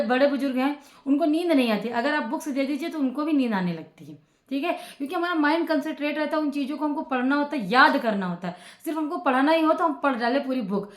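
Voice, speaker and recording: A woman teacher giving informal study advice to students, in a chatty way that repeats phrases and fills pauses with "ok". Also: high voice, reverberant. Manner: conversational, repeats phrases with frequent fillers and "ok".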